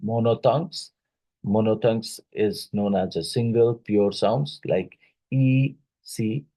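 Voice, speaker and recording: Male teacher, Indian English accent, low voice, unhurried worksheet walkthrough with frequent tag questions. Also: mellow. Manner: explanatory, checks in with tag questions. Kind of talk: exam-prep lecture walking through worksheets.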